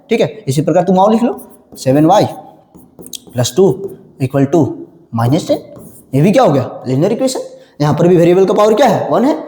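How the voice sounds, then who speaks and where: A man's voice: high-pitched, dark tone. A male maths teacher giving a classroom lecture, repeatedly asking questions and answering them himself, calling his viewers children. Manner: addresses viewers as children and brother. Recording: echoey room with long reverb.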